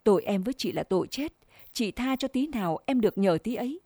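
A woman's voice: medium pitch, lively intonation, fairly quick, warm tone, dry recording. A woman voicing a young unmarried village woman who pleads humbly and tearfully. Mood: pleading.

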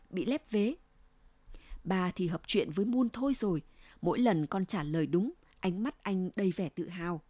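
A woman reading a first-person family story aloud in a steady, confiding way. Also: mid-range voice, dry recording. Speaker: narrator.

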